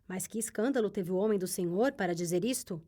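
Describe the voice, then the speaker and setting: A woman's voice: mid-range voice, fast, dark tone, lightly acted. Wary male hired gunman, curt and cold; read by a woman narrator. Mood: guarded.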